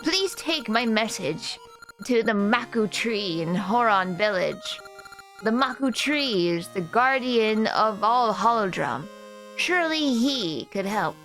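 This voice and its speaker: Lady putting on an old woman nurse from a fantasy game, earnest n pleading, slow talk, faint music. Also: mid-range voice, big pitch swings, a bit bright, heavily acted, rough recording.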